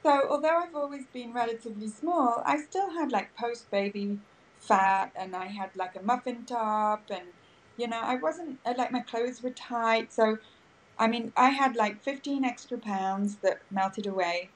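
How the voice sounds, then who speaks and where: Speaking at a measured pace in a slightly high voice, an English-speaking woman podcaster guests on a video call interview. The recording is rough, but her replies come across upbeat and story-driven.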